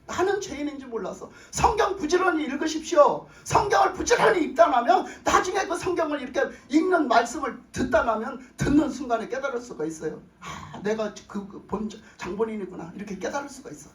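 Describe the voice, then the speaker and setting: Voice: high-pitched, expressive, fairly quick, few pauses, fairly bright tone. A pastor preaching a sermon emphatically, repeating phrases and putting questions to the congregation. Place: church sanctuary with congregation. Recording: roomy echo, voice far from mic.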